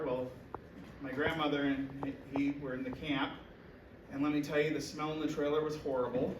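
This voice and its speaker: A man giving a chemistry demo lecture in a hall, telling a rambling, casual story. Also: a little high. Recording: echoey hall, mic far off, noisy.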